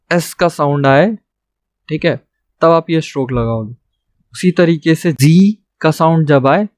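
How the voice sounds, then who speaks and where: Slow, patient man teaching a lesson. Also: fairly high pitch, dry recording, clean studio sound. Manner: patient, repeats "theek hai" after each point. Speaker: shorthand teacher. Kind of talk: classroom lesson.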